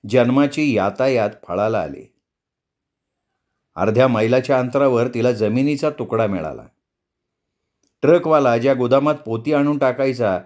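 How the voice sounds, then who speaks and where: Male audiobook storyteller, middle pitch, measured expressive narration.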